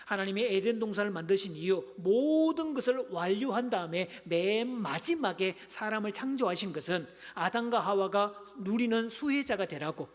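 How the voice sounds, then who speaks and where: High-voiced man preaching in a reverberant hall. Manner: humorous, engaging, calls on the congregation. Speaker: pastor. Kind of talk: sermon. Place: church sanctuary. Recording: long reverb of a church hall.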